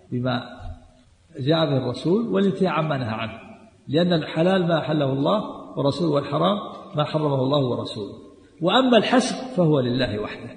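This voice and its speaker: A man giving a religious lesson on a book, emphatic and repetitive, dropping into quiet asides. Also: a little high, gravelly. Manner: emphatic, repeats key points, drops to quiet asides. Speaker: Islamic scholar teaching a text. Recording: echoey hall recording.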